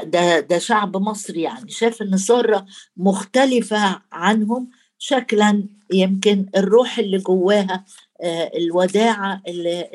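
A woman with an Egyptian Arabic accent delivers a Bible teaching sermon at a moderate, mid-range pitch. She talks conversationally and turns to her listeners directly. She recites verses in formal Arabic and stops now and then to find the right word. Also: a little mellow. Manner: colloquial, addresses listeners directly; quotes scripture in formal Arabic. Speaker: preacher.

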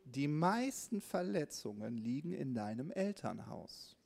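A man preaching a lively, conversational sermon at a church service, often checking in with his listeners and acting out his own inner voice. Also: a little high, unhurried, creaky, slightly rough. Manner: checks in with listeners by asking 'ja?'. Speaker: pastor.

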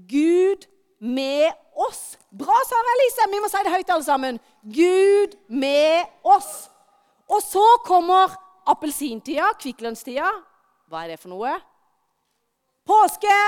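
A woman preaching to children and adults in church, telling a lively story and asking the audience questions. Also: sits high. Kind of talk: children's sermon.

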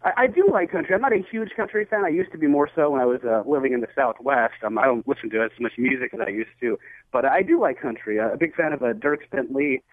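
A man's voice: medium pitch, fast talker, no echo. A man, a morning radio co-host, calling in and chatting in a friendly way with a few stammered restarts. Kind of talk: casual chat over the phone. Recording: tinny phone line.

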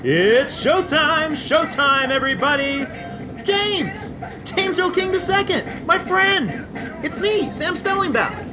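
Male actor as an eccentric stray showman: bouncy, wildly swinging pitch, heavy music bed. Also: expressive, slow, lo-fi sound, heavily acted. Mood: exuberant. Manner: exuberant showman, wild jumps in pitch, rhyming patter. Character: eccentric male street performer from another universe, manic and pushy.

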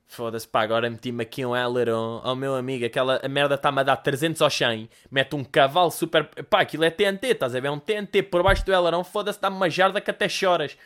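A man voicing a rough, swearing taxi driver who talks in a gruff, swaggering way. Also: medium pitch, quick pace, hardly any pauses, fairly bright tone, natural voice.

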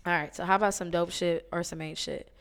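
A woman co-hosting a casual podcast chat, her voice hoarse and raspy, talking bluntly with profanity and slang. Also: on the low side, fairly even intonation, fast talker, a bit bright. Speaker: podcast co-host.

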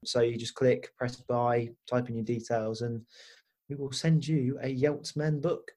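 A man's voice: medium pitch, flat delivery, measured pace, darkish tone. Chatty man. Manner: chatty, self-deprecating, hedges with "I think". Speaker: podcast guest, football club insider. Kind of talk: casual chat.

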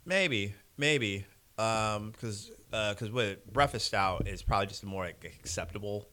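A man's voice: fairly low pitch, measured pace, bright, forceful tone, clean tone. A man co-hosting a podcast, chatting casually and enthusiastically, rambling with fillers and laughs. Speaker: podcast co-host. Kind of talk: casual chat.

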